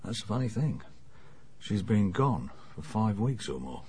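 An actor playing a middle-aged English police inspector, dry, sardonic and matter-of-fact in a radio drama. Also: male voice, on the low side, big pitch swings, measured pace, warm tone, husky, full character voice. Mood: briskly reporting.

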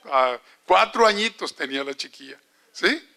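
An older man preaches a sermon, telling stories animatedly and firing rhetorical questions at his listeners. His voice is very bright and forceful, pitched somewhat high for a man. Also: expressive, normal speed, vocal fry. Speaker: evangelist.

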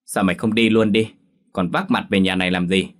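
A man's voice: fairly low pitch, sing-song, moderate pace, slightly rough. A man voicing a hot-tempered, drunken father who barks insults at his daughter in a Vietnamese audio story. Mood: angry. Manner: barking, contemptuous.

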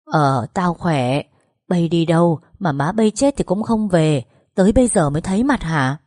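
A blunt older village man, put on by a woman narrator. He speaks slowly and reproachfully in a low, dry voice. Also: expressive, a little mellow, dry recording.

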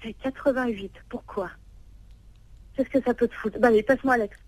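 A woman's voice: on the high side, fairly even intonation, fairly quick, darkish tone, dry recording, rough recording. Furious young woman swearing on phone. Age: 20s. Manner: angry, swearing, mocking laughs. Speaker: prank call victim. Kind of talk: heated phone argument.

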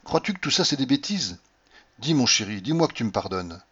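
A man's voice: medium pitch, sing-song, fairly quick, fairly bright tone, husky. A man reading an audiobook, voicing a young wife who is feverish and shivering and talks in a teasing, coaxing manner. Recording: dull lo-fi recording.

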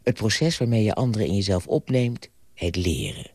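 A man on the radio reading a story aloud in an animated, playful way. His low voice swoops widely and has a husky edge. The sound is dry and close, as in a studio. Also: moderate pace, no room sound. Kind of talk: expressive storytelling and reflection.

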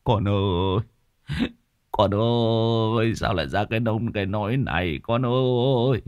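A man's voice: fairly low pitch, measured pace, darkish tone, clean tone, dry recording, studio quality, close to an everyday voice. A man voicing a grieving middle-aged village father, in a sobbing lament. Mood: wailing grief.

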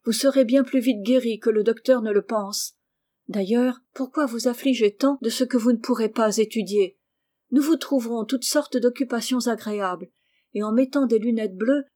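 Woman reader voicing Rose: earnest storybook girl, tender and emotional, voice lifted a little higher, mellow tone. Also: lightly acted. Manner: pleading, emotional, motherly. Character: teenage girl Rose, tender anxious caring cousin.

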